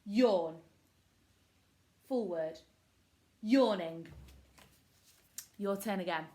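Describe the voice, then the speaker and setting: A woman's voice: mid-range voice, very slow, mellow. A woman teaching a children's phonics lesson, giving short prompts, modelling words syllable by syllable and praising often. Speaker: primary school teacher.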